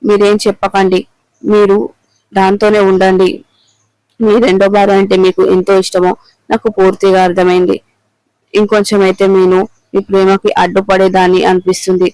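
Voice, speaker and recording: A man reading the lines of an angry middle-aged wife who accuses her husband of betrayal, in an even, clear voice. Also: medium pitch, normal speed, pauses often, no echo, lightly acted, rough recording. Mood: accusing. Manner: accusing, bitter.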